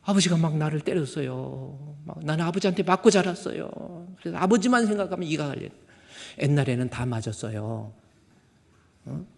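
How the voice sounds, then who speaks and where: An older man preaching a sermon as a pastor, telling stories and acting out shouted quotes. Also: on the high side, expressive, normal speed, gravelly. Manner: storytelling, acts out shouted quotes. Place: church sanctuary. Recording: church hall reverb.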